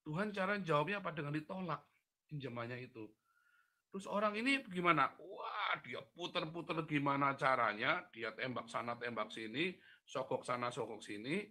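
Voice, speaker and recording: A man teaches in a sermon-style question-and-answer session, speaking at a moderate pace with a fairly high pitch. His storytelling is animated as he voices the characters, including God. The recording is clean studio quality without any room sound.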